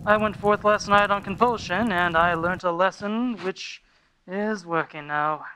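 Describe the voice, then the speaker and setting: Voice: mid-range voice, unhurried, pushed and bright, slight background noise, poor audio. A performer playing a frightened, humbled old miser in a radio play. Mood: timid, humbled.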